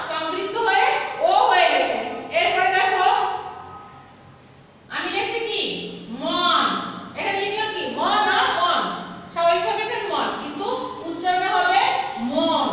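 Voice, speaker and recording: A woman teacher giving a grammar lesson, repeating words slowly and putting questions to her listeners. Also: very high voice, fairly bright tone. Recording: echoey room from far off with faint noise.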